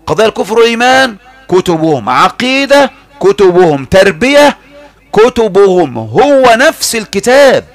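A man with an Egyptian accent giving a heated religious lecture, mocking and animated, swinging between loud outbursts and hushed asides. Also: sits high. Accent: Egyptian Arabic.

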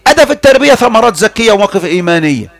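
A man with an Egyptian accent giving a heated religious lecture, mocking and animated, swinging between loud outbursts and hushed asides. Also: high voice, rapid-fire, vocal fry. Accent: Egyptian Arabic.

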